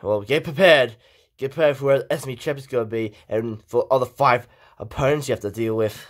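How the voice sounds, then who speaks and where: A man's voice: mid-range voice, a little fast, voice pushed down, natural voice. A man voicing a brash male hedgehog general manager who talks in a commanding way.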